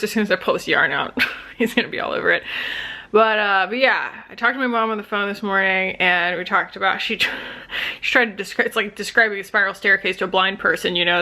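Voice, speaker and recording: A woman's voice: medium pitch, a bit bright. Chatty young woman vlogging at home. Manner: rambling, chatty, laughs often, trails off mid-sentence. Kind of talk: casual vlog chat to camera. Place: at home, in her room.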